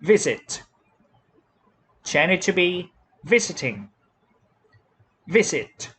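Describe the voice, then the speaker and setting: A man teaching English grammar with a Thai accent, explaining slowly and repeating each word and rule, spelling out letters one by one. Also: high voice, very animated, a bit bright. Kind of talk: slow classroom explanation.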